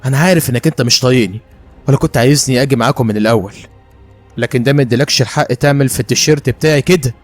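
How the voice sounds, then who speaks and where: A man voicing a scheming, hot-tempered young man with an Egyptian accent, quick and teasing and easily riled. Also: medium pitch, faint music behind, natural voice. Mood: accusing.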